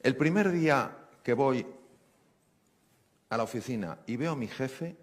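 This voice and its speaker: A man's voice: mid-range voice, animated, unhurried, voice pushed up, close to an everyday voice. A man voicing a fed-up, anxious woman patient who complains to her doctor. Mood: recounting. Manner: exasperated, complaining.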